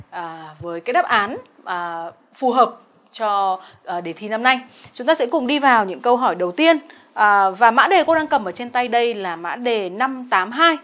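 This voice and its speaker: Young vietnamese lady teacher going over exam answers, bit high voice, keeps asking right?. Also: a bit bright. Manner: patient, checks in with "right?" often. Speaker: English teacher. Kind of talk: exam answer walkthrough lesson.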